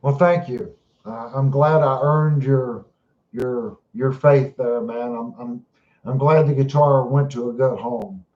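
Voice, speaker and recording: A man's voice: mid-range voice, steady tone, takes it slowly. A man hosting a live stream, chatting casually and tired after hours on air, often repeating words as he talks to his chat. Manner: rambling, repeats words while talking to chat. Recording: roomy, dull lo-fi sound.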